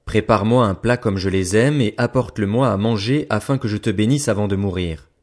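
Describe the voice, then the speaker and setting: Old patriarch, solemn and grave, read by a man in a lowish voice. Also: a little fast, darkish tone, natural voice. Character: old blind father, frail and solemn.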